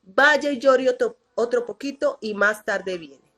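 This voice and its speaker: A woman voicing a gentle old grandfather who soothes a crying child tenderly. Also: a little high, measured pace, faint music behind, pitched above the performer's own voice. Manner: tender, coaxing.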